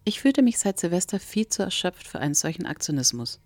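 A woman's voice: fairly low pitch, very animated, brisk, darkish tone, no room sound. A woman narrating a novel in the first person, wry and intimate. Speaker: audiobook narrator.

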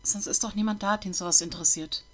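A woman voicing a shy, withdrawn schoolboy who answers hesitantly and quietly. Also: mid-range voice, steady tone, quick pace, lightly acted. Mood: timid, hurt.

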